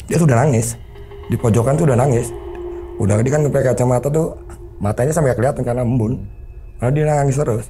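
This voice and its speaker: A man's voice: mid-range voice, quick pace, over music. A man telling a story as an interview guest, earnestly acting out the remembered dialogue. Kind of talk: conversational storytelling.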